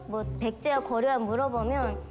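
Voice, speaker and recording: A woman's voice: a little high, steady tone, moderate pace. A woman talking casually and frankly as a guest on a studio talk show. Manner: blunt, frank. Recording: music behind the voice.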